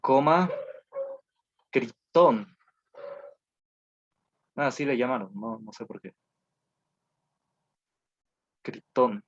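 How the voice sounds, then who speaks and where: A man teaches over a video call, reading out notes slowly, repeating words and filling pauses with little sounds. His voice sits at an ordinary middle pitch. The call audio is dull and lo-fi. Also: expressive. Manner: slow dictation with frequent fillers and repetitions. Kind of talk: online class lecture, dictating notes.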